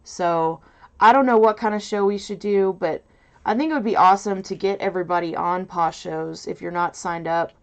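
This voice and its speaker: A woman hosting a casual crafting livestream in a loud, nasal voice, rambling and hesitant with lots of fillers, from a mic set off to her side. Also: lowish voice, normal speed. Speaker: livestream host. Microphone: mic set off to the side, away from camera.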